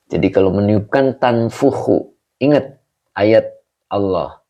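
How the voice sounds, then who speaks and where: Male teacher for an online religious class over a video call. Very low, gravelly voice with a dark tone, on dull lo-fi audio. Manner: slow, patient explaining with frequent chuckles. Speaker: Islamic teacher. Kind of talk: online Quran tafsir class.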